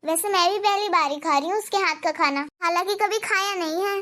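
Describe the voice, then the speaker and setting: A woman's voice: extremely high pitch, brisk, pushed and bright. Woman voicing a wise, firm cartoon mother-in-law. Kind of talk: cartoon dubbing.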